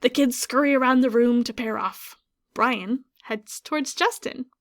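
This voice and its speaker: A woman teacher with a fairly high voice reads a children's picture book aloud, stopping now and then to ask her listeners questions about the story.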